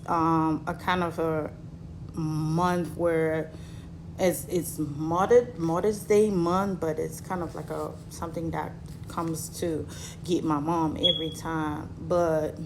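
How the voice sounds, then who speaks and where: A woman in her thirties from Cameroon, telling her own story to her viewers in a halting way with many fillers, while recovering from surgery. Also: lowish voice, noisy background. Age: 30s. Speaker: vlogger.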